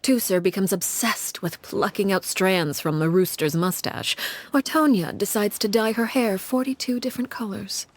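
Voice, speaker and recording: A woman voicing Arlecchino, a cold, composed leader of a household of orphans, who speaks in a measured, formal and quietly menacing way. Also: medium pitch, slight background noise, close to an everyday voice. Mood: dry. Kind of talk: game cutscene voice acting.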